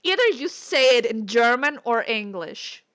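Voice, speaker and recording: A woman on a live stream chats and reads aloud, breaking into giggles and poking fun at herself. Her voice is fairly high and her pace slow and easygoing. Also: lively intonation, fairly bright tone. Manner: giggly, self-mocking, laughs often. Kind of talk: casual live-stream chat, reading a story aloud.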